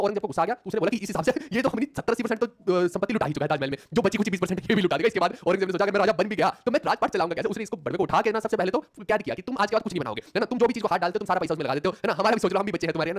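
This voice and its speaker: Rapid-fire joking male history teacher. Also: high-pitched. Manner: joking, slangy, asks "है ना?" constantly. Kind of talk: casual exam-prep lecture.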